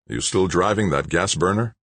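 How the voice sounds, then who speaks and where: A skeptical, exasperated engineer played by a man in a very low, husky voice. He needles with dry, close-miked questions. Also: moderate pace, a bit bright, dry recording. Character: exasperated middle-aged male nuclear engineer.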